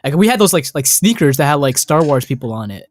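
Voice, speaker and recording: A man co-hosting a podcast, telling childhood stories in a loud, excitable way and swearing constantly. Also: on the high side, fast talker, no room sound. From North America. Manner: excitable storytelling, heavy swearing. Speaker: podcast co-host. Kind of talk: casual podcast chat.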